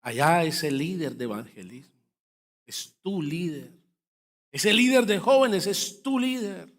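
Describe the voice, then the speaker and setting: Preacher with a high voice. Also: male voice, animated, unhurried. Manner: fervent preaching, addresses listeners as brothers. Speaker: pastor. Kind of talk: sermon. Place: church.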